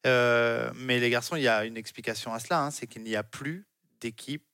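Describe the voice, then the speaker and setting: A man's voice: medium pitch, normal speed, sharp tone, smooth, dry recording, clean studio sound. Passionate French man on sports radio. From France. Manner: passionate, restarts and repeats words often. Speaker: cycling consultant on a radio sports show. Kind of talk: lively radio studio discussion. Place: radio studio.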